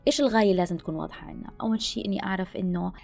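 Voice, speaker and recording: Woman, podcast guest, rapid advice-giving, gravelly fry, faint music behind. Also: fairly low pitch. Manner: animated advice-giving, mixes in English phrases. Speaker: guest speaker on listening skills. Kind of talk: podcast conversation.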